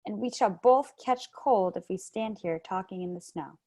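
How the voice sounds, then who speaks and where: A woman's voice: medium pitch, moderate pace, dark tone, lightly acted. A woman reading aloud, voicing a polite, fussy male faun who talks in an eager, formal way. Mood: courtly, eager. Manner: eager, formal, slightly flustered.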